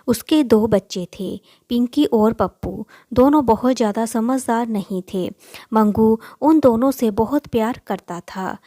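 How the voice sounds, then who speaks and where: A woman tells a moral story in a steady, scripted narration. Her voice sits fairly high and sounds warm and mellow. The recording is close and dry, with no room sound. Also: dry recording.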